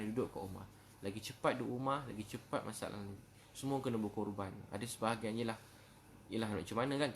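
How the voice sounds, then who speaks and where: A man's voice: lowish voice, slight background noise. A man preaching in a casual question-and-answer talk, with a Malaysian Malay accent and lots of "ha" fillers between phrases. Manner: fast, warm conversational preaching with many "ha" fillers. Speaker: religious preacher.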